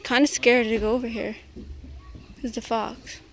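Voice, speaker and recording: A woman's voice: on the high side, little pitch movement, normal speed. A young woman narrating a casual home vlog outdoors on a handheld phone camera. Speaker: vlogger, mother. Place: outdoors in a grassy backyard. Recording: clear outdoor background noise, handheld.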